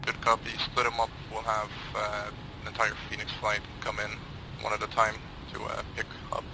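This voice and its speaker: A man speaking in terse, matter-of-fact military radio chatter as a helicopter pilot in a simulation game, with a gravelly voice. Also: on the low side, monotone, moderate pace. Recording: noisy game radio with vehicle sound.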